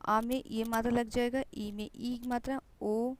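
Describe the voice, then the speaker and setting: A woman's voice: fairly high pitch, steady tone, unhurried, low-quality recording. A woman teacher explaining grammar patiently to young children, repeating sounds and examples. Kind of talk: online Hindi grammar lesson for young children.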